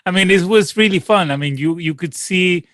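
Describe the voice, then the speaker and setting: A Venezuelan musician in his late forties, a native Spanish speaker, answers interview questions over a call as a guest, rambling casually with many restarts and fillers. His voice is high-pitched and a bit bright, at normal speed, with no room sound.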